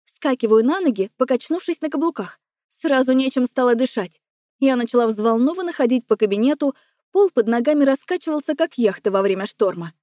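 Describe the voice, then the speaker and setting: A woman narrating a first-person audiobook with expressive, emotional storytelling. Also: high voice, fairly quick, no echo, clean studio sound.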